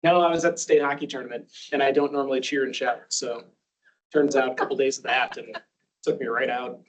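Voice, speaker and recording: Hoarse man chatting off-mic. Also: mid-range voice, steady tone, a little fast, far from the mic, rough recording. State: hoarse, losing his voice. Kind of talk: casual chat.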